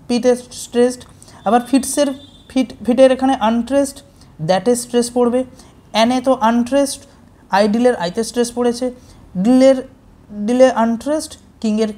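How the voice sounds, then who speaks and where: A woman's voice: on the high side, a little mellow. A woman teacher patiently explaining poetic meter step by step, checking often that students follow. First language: Bengali.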